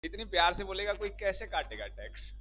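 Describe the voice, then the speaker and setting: Male law teacher, very bright tone, slightly high, jokey with students, classroom mic. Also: very animated, a little fast, a little hiss or hum, poor audio. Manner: joking, teasing students, quizzing them. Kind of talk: classroom lecture with banter.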